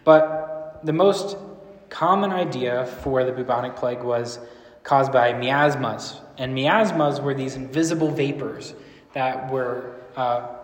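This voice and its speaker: A man teaching a group in a casual, rambling way, often asking the room questions. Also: mid-range voice. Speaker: church speaker teaching a series. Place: large room with a live audience. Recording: echoey hall with long reverb.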